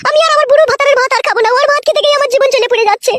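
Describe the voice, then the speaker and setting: A woman putting on a shrill voice to play a quarrelsome young village wife who grumbles and complains in a comic skit. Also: rapid-fire, fairly bright tone, no echo, clean studio sound. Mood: aggrieved.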